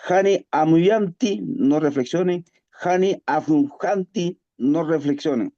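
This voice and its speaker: Student reading verb lists real slow over a muffled call, dark mellow tone. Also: medium pitch. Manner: careful, halting recitation. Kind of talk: reading verb drills aloud.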